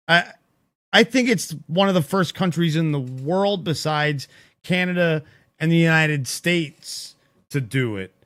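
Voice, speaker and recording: A man co-hosting a casual podcast chat, excitable and quick to exclaim. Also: on the high side, clean tone. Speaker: podcast co-host.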